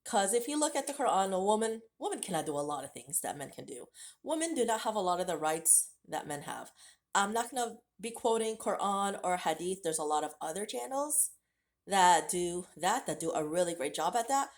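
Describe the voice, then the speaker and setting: Very animated and fairly quick at a medium pitch, a woman vlogger from the United States, late 30s, tells her viewers her life story in a casual vlog. She's candid and conversational, speaking directly to camera.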